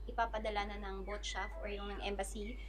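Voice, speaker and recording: A woman's voice: mid-range voice, brisk, very noisy. A woman from the Philippines, a podcast guest, telling a personal story in casual chat and acting out other people's words. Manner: animated, acts out other people's words in quotes.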